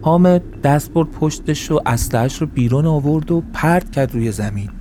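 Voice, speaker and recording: A man narrating a story in a calm, even storytelling manner. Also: a little high, soft background music. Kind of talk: scripted narration.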